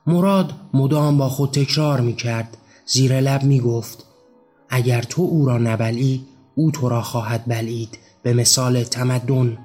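Male narrator, scripted storytelling, measured and grave, faint background music. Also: mid-range voice, darkish tone.

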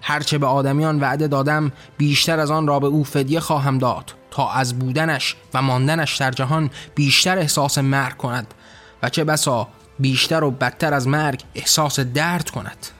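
A man voicing a wrathful almighty male god on his throne, shouting commands and threats. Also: mid-range voice, steady tone, soft background music, lightly acted. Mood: furious.

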